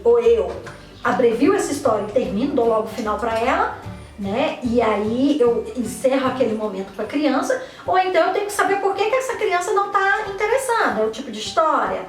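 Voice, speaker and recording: A woman's voice: high voice, reverberant, distant mic. A Brazilian woman, a teacher, giving an online lesson to parents and teachers, posing questions and answering them herself, with frequent checks like "right?". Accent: Brazilian Portuguese. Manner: didactic, asks and answers her own questions, frequent "né?" and "tá?". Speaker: teacher and educator.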